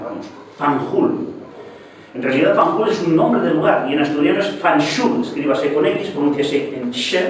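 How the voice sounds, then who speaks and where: An older man giving a lively, digressive professorial talk to a local audience. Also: fairly high pitch, background noise. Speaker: lecturer. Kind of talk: public talk. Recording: echoey hall, mic from far off.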